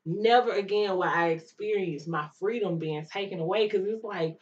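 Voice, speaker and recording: A young woman vlogger telling a storytime vlog in an animated way, mimicking other people's voices as she goes. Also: medium pitch, normal speed. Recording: distant mic, dull lo-fi sound.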